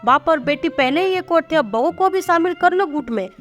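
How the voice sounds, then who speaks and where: A woman's voice: extremely high pitch, animated, normal speed, faint music behind. A woman doing a nagging older mother-in-law. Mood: scolding. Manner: sharp, complaining, scolding.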